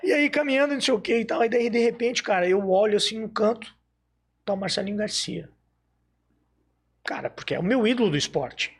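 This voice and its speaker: A man from Brazil telling stories in casual chat, animated and acting out the dialogue he recounts. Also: high voice, fairly quick, breathy edge. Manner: animated storyteller, acts out quoted dialogue. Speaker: podcast guest telling stories.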